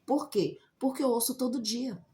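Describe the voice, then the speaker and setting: Mellow-voiced woman teaching the Bible. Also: a little high, moderate pace. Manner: conversational, asks rhetorical questions, frequent "né?". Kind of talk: informal Bible teaching video. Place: outdoors in the sun.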